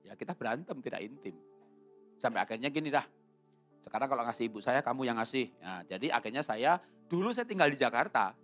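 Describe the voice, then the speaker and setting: A man from Solo, a pastor telling a humorous sermon story that suddenly jumps high and loud, then closing in prayer. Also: big pitch swings, quick pace, faint music behind. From Solo, Central Java, Indonesia.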